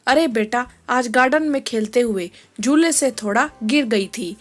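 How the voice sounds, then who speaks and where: A woman voicing a loving older grandmother in a storybook tale, who speaks softly and eagerly to please. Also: fairly high pitch, measured pace. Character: affectionate older grandmother, mother-in-law.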